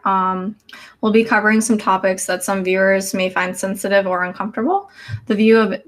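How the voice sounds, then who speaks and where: This woman in her twenties has a mid-range, fairly bright voice. She co-hosts a casual live stream and acts as an adult advisor, keeping things easygoing and filling the gaps between thoughts with ums.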